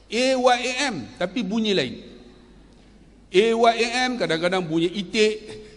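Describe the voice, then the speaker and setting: A man in his fifties giving an animated, humorous religious talk and quizzing his audience. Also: sits high, a little slow. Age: 50s. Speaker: religious speaker. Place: large event hall. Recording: long reverb of a big hall.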